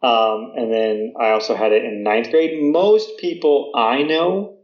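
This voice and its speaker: The recording is reverberant and dull as a guest, an American man in his thirties, talks unhurriedly in a medium-pitched voice. It's a casual conversation, and he is chatty, with lots of fillers, restarts and "you know."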